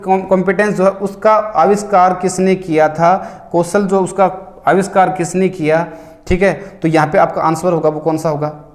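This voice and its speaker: High-pitched guy teaching exam prep, keeps asking and answering his own questions, echoey room. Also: a little mellow. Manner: repeats questions to the class and answers them himself; reads English question text slowly, word by word.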